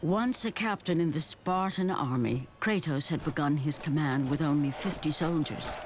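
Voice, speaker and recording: A deep, ominous mythic storyteller. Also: female voice, heavy background noise. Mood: grave. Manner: solemn, portentous, deliberate. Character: grave, ominous storyteller of an ancient Greek tragedy. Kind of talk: scripted dramatic game narration. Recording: loud music behind the voice.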